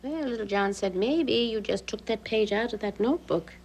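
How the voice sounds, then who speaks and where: An actress playing a woman softly and patiently coaxing a small child, in a 1980s daytime soap. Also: fairly high pitch, moderate pace, a little hiss or hum, close to an everyday voice. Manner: gently coaxing, soft.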